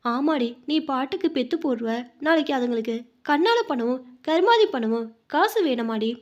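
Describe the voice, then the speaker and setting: A harsh old mother-in-law scolds bluntly about money and daughters, as a woman storyteller puts her on. The voice stays high. It is a spoken storybook. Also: animated, normal speed, muffled recording. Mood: scolding.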